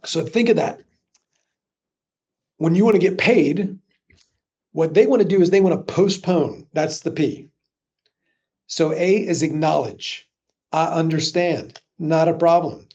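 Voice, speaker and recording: Male sales trainer, fairly high, mellow voice, casual and energetic, muffled webinar audio. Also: measured pace, long pauses. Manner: energetic, conversational, acts out customer dialogue. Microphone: video call.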